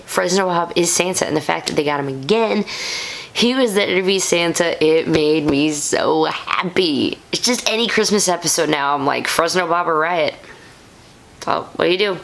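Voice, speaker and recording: A woman hosting her own vlog, reviewing a show episode in a casual, excitable way with gushing bursts of enthusiasm. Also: on the low side, vocal fry. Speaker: YouTube show host and reviewer. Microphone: camera-mounted shotgun microphone.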